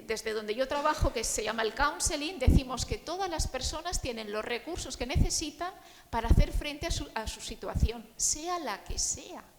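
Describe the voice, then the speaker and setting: A woman's voice: high voice, background noise. Woman counselor speaking in an echoey hall. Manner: warm, conversational, often asks the audience "¿no?" and "¿vale?"; acts out the quoted voices of friends and grieving people. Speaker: grief counselor speaking at a panel. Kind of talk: talk to a live audience.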